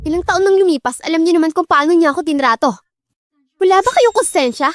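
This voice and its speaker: An actress plays a young woman done with her family, her high voice cold and clipped. Each line in this drama dub lands firm and final. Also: fast, no room sound, clean studio sound. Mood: cold defiance. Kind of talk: Tagalog dub acting.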